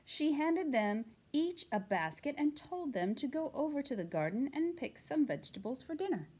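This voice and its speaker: A woman reading a children's picture book aloud in an expressive, animated way. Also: high voice, moderate pace. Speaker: storytime reader.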